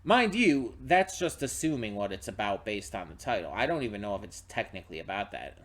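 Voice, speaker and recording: A man's voice: lowish voice, sing-song, brisk, fairly bright tone. Rambling, tired-sounding male reaction host. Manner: rambling, restarts often, frequent fillers. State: tired, yawning. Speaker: channel host. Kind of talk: casual pre-reaction talk to camera.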